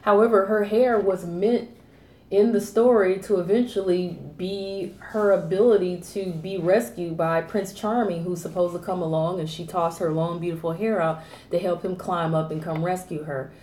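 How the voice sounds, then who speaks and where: A woman giving a rambling tarot reading, repeating herself and filling pauses with fillers. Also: lowish voice, fairly even intonation, mellow, reverberant. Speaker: tarot reader.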